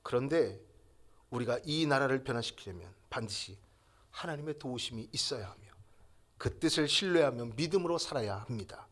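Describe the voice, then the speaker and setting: Lively, animated male pastor preaching. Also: mid-range voice, moderate pace. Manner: lively preaching with rising emphatic peaks; leads the congregation in call-and-response. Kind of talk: sermon.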